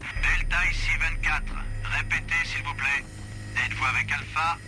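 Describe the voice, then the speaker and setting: A game pilot calls in over a crackling cockpit radio, his voice set a little high and pushed far back behind heavy static. He keeps to clipped, measured radio protocol throughout. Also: steady tone. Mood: urgent. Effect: radio transmission from a cockpit. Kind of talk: game cutscene dialogue. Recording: distant voice under loud radio noise.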